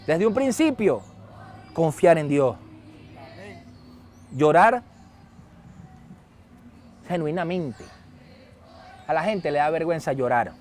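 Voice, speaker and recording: A middle-aged Venezuelan pastor preaching with a high, bright-toned voice. He tells stories in an animated way and raises his voice sharply when he acts out a scene. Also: slow, long pauses. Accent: Venezuelan Spanish. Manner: storytelling, animated, shouts when acting out a scene. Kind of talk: sermon.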